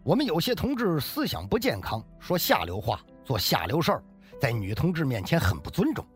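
A man's voice: fairly high pitch, wildly swooping pitch, fairly quick, soft background music. A man voicing a stern male political instructor who lectures in a firm tone. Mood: lecturing.

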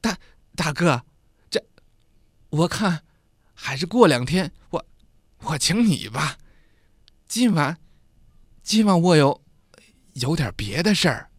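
A man's voice: fairly high pitch, big pitch swings, takes it slowly, pauses often, slightly rough, dry recording, studio quality, exaggerated voice. A man voicing a nervous younger man who stammers and hesitates over every phrase.

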